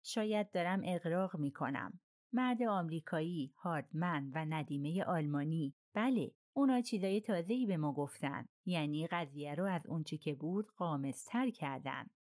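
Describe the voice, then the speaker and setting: A woman voicing an excitable, exasperated middle-aged male railway director who exclaims in an agitated way. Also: deep voice, no room sound, clean studio sound. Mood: insistent.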